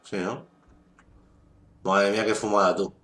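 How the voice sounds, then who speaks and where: A man's voice: lowish voice, steady tone, a little slow, fairly bright tone, slight background noise. A man with a Spain accent giving casual, slangy gameplay commentary, muttering and swearing. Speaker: gameplay streamer. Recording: echoey room.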